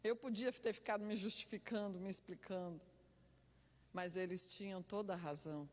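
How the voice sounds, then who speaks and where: Woman, pastor, sermon, animated and expressive, reverberant church hall. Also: medium pitch, moderate pace. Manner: animated storytelling with laughter.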